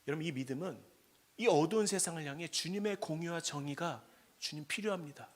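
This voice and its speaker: A man preaching a sermon at a prayer meeting, asking the congregation questions and swinging between quiet asides and loud, impassioned cries. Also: a little high, a little fast.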